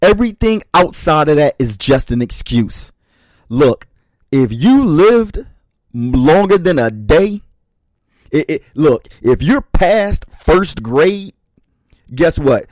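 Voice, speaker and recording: Slow, emphatic motivational speaker, a man. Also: fairly high pitch, very animated, darkish tone, dry recording. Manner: emphatic, repeats short refrains; addresses listeners as brothers and sisters. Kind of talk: motivational speech.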